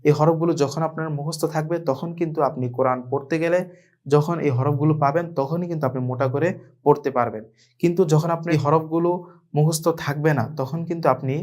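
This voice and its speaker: A man's voice: a little high, darkish tone. A man with a Bangladeshi Bengali accent teaching an online Quran reading lesson, patiently repeating letters and words for learners to echo.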